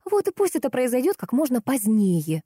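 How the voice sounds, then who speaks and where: A woman's voice: on the high side, very animated, moderate pace, mellow, no echo, clean studio sound, pitched above the performer's own voice. A woman voicing a defensive young woman who grumbles and answers with sarcasm. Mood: pleading.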